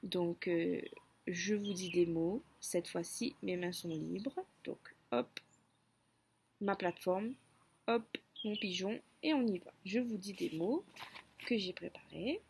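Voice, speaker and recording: A woman teacher giving a children's phonics lesson, speaking slowly and clearly and stretching out words for listening games. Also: fairly low pitch, darkish tone, a little hiss or hum.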